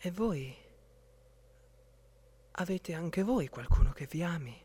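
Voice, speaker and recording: A man voicing a gentle, dreamy young princess in a storybook tale, speaking softly. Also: fairly high pitch, lively intonation, takes it slowly, husky, pitched above the performer's own voice, exaggerated voice.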